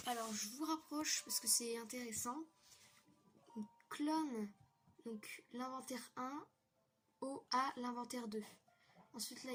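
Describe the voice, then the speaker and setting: A young woman from France walking viewers through a game hack in a casual, hesitant tutorial full of fillers. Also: fairly high pitch. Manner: chatty, hesitant with many fillers. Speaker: gaming tutorial youtuber. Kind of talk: casual screen-recorded tutorial.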